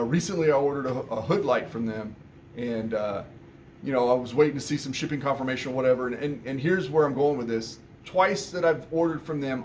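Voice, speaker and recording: A man's voice: mid-range voice, a little hiss or hum. A man who owns an auto repair shop, talking casually in a rambling way about what's going on at his shop. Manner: rambling, conversational, many restarts and fillers. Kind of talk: casual shop update vlog.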